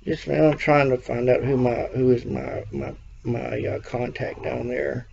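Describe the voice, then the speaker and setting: A man's voice: medium pitch, fairly even intonation, measured pace, vocal fry, a little mellow. A man calling in with a casual inquiry, hesitant and repeating his words, on a muffled, slightly noisy phone line. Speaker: caller. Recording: muffled phone call with faint noise.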